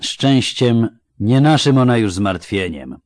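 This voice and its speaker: A man's voice: lowish voice, animated, moderate pace, creaky, slightly rough, dry recording, full character voice. A man voicing a sneering mercenary who talks in an old-fashioned rustic way. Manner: sneering, archaic turns of speech. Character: sneering, superstitious male mercenary.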